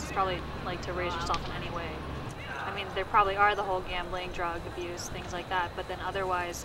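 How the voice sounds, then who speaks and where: Hesitant student in a noisy street interview. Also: medium pitch. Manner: hesitant, many fillers. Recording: loud street and wind noise.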